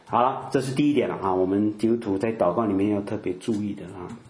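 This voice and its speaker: A man's voice: fairly low pitch, quick pace, a little mellow, reverberant. An older man giving a conversational sermon, full of filler particles and acted-out quotes. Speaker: preacher.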